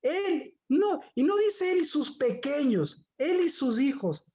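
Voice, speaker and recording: A woman's voice: high-pitched, sing-song, takes it slowly, warm tone. A woman giving a Bible teaching, firing rhetorical questions at her listeners.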